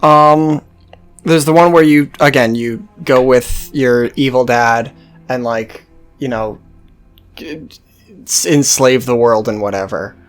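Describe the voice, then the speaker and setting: Faint music plays behind a slow, mid-range voice giving improvised, casual gameplay commentary. The tone is offhand and sardonic, with plenty of swearing.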